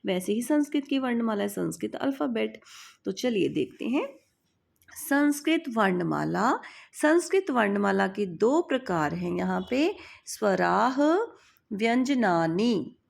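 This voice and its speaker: Slow, gravelly woman teacher. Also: medium pitch, sing-song. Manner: patient, drawn-out recitation of letters, addresses students as beta. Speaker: Sanskrit teacher. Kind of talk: online grammar lesson.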